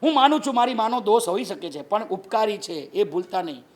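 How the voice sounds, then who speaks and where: A man's voice: sits high, fairly quick. A man with a Gujarati accent, a Jain monk giving a humorous sermon and acting out the people in his stories in a raised voice. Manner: animated, acts out quoted people with raised voice.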